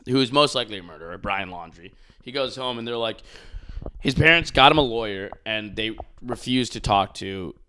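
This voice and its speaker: A man's voice: lowish voice, normal speed, bright, forceful tone, clear, resonant tone. A young man hosting a podcast, ranting casually with profanity and mocking imitations of people he disagrees with. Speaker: podcast host.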